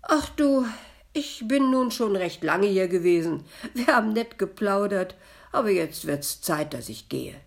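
A woman playing a jovial male village butcher who talks loudly and teasingly in a read-aloud story. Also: medium pitch, expressive, a little slow, creaky, voice pushed up. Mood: feigned disappointment. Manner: loud, mock-cheerful, teasing.

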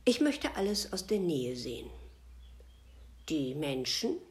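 A stubborn, indignant sky in a spoken fable protests loudly, put on by a woman storyteller. The voice sits somewhat low and moves slowly. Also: big pitch swings, exaggerated voice. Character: indignant sky unwilling to rise.

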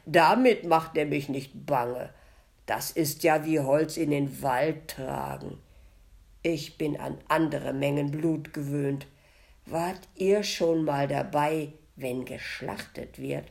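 A woman playing a jovial male village butcher who talks loudly and teasingly in a read-aloud story. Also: mid-range voice, very animated, unhurried, pitched above the performer's own voice. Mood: scornful hearty. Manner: loud, mock-cheerful, teasing.

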